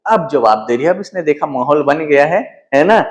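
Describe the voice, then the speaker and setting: A male teacher lectures on literature, reciting verses slowly before explaining them with frequent checking asides. His voice runs on the high side and is animated.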